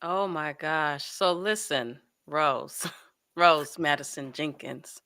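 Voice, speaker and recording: A woman hosting an interview show, talking in an earnest, unhurried way. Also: sits low, bright, forceful tone, clean tone, no room sound, studio quality. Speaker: podcast host. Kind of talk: interview conversation.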